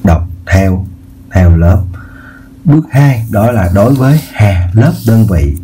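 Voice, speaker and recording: A man's voice: fairly low pitch, expressive, takes it slowly, mellow, faint music behind. A man teaching a math lesson in a casual way, often repeating words and checking in with his viewers. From southern Vietnam. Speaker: math tutor. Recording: faint background noise.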